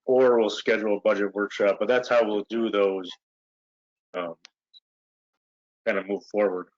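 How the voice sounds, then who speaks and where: On a muffled, lo-fi video call with no echo, a man presides over a village board meeting. His fairly low voice moves at normal speed, and he's relaxed and rambling, leaning on fillers.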